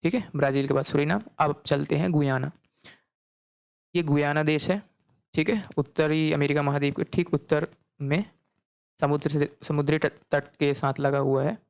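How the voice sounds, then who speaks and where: A man's voice: on the high side, fairly even intonation, moderate pace, vocal fry, clean tone, no room sound, clean studio sound. A man teaching geography in a recorded lecture, checking in often and repeating each point back as a question. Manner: repeats key points as quiz questions, frequent "okay" checks.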